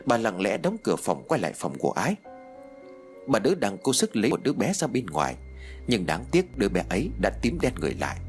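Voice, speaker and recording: A man narrating a horror audiobook in an expressive, dramatic storytelling manner. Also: lowish voice, fast, faint music behind.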